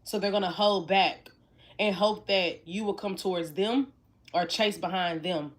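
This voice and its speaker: This tarot reader is a woman in her twenties with a medium-pitched, unhurried voice. Chatty and prone to repeating herself, she addresses her viewers directly. Shuffling cards and clicks can be heard clearly behind her.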